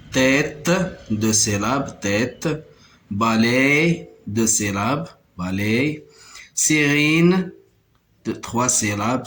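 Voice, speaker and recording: Male primary teacher, unhurried, drills each word syllable by syllable. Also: mid-range voice, a little hiss or hum. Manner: slow, syllable-by-syllable dictation, repeating each word. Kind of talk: primary school French lesson.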